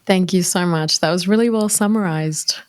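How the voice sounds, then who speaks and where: A woman's voice: fairly low pitch, normal speed, no room sound, studio quality. A woman, a psychologist raised in Australia, chatting casually as an interview guest and often laughing as she tells her life story.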